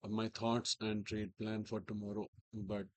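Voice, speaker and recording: Low sore-throat Indian man, dry close sound. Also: flat delivery, measured pace, a little mellow, no room sound. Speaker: market analyst host. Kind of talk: informal trading commentary over charts.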